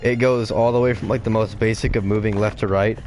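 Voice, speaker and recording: A man with a slightly low voice comments on a fighting game as he plays. He is casual and offhand, with faint music running behind him. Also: steady tone, brisk, a little mellow. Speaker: gamer playing through a fighting game.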